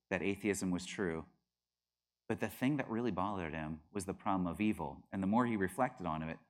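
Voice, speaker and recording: A middle-aged man teaching a class, arguing his points with rising emphasis and acting out quoted voices. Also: low-pitched. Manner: animated, acts out quoted voices with bursts of laughter. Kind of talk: classroom lecture.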